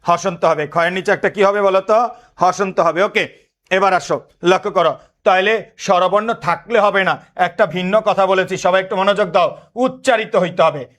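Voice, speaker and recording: A man in his thirties runs an exam-prep lesson, drilling students with repeated questions and switching into English words. He has a high, somewhat bright voice and speaks at a moderate pace.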